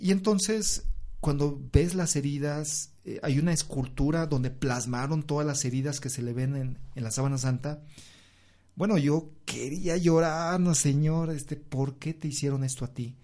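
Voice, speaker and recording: A man tells of his faith in a reflective, devout way. His voice is dark and mellow, and he pauses often on soft fillers. When he quotes people, his pitch jumps up to act them out. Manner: acts out quoted speech with raised pitch. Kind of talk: personal religious testimony in conversation.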